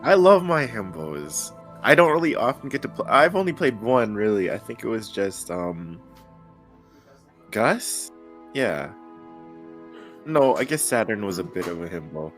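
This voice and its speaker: A man with a lively, swinging pitch joins a casual group stream. He jokes and teases in easy banter, with faint music underneath. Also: unhurried. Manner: joking, teasing. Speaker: tabletop player on a group livestream. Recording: background music behind voice.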